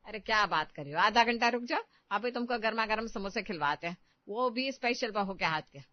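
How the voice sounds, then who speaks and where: A woman's voice: mid-range voice, animated, no echo, lightly acted. A woman playing a boastful, bossy older mother-in-law in a cartoon story, who brags and gives orders. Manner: bragging, commanding. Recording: dull, dry lo-fi.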